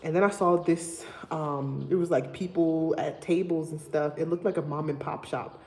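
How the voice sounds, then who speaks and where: This young Liberian vlogger has a low-sitting voice and talks at a normal speed. Addressing her livestream audience in her Liberian accent, she tells stories casually but with lots of animation and emphasis.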